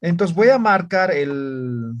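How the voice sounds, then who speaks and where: Slow, patient male language teacher. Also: a little high, sing-song, dull audio. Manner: slow, patient, checks understanding with "¿ya?" and "¿no ve?". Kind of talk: live online class.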